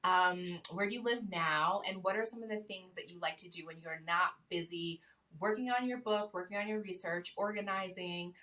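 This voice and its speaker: A woman's voice: on the low side, moderate pace, sharp tone, recorded from a distance. A woman co-hosting a podcast, asking friendly, layered questions. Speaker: podcast co-host. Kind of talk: conversational interview.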